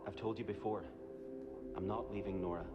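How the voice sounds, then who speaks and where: A man voices a gentle young husband who stands his ground quietly and earnestly, often near a whisper. His voice is a little low. The game audio is dull, with loud music behind. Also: fairly even intonation, fairly quick, close to an everyday voice. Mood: calm.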